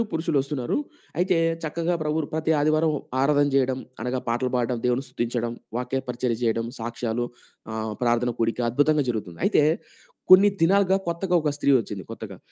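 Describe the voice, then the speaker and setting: Brief: Telugu preacher, male, quick, mellow tone, animated storytelling sermon. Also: mid-range voice. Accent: Telugu, Rayalaseema. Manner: animated, acts out quoted voices, asks the congregation questions.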